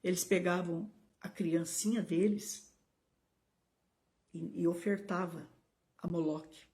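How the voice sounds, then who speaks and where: A middle-aged woman pastor with a Brazilian Portuguese accent preaches a live-streamed sermon, speaking emphatically, breaking into sudden high exclamations, and addressing viewers by name. Her intonation is fairly even, her pace slow, and her tone dark.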